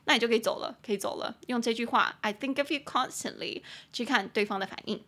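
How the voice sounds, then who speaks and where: A young woman hosting a casual podcast lesson, chatting in a relaxed way and slowing down to model and spell English phrases. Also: on the high side, husky. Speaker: podcast host teaching English.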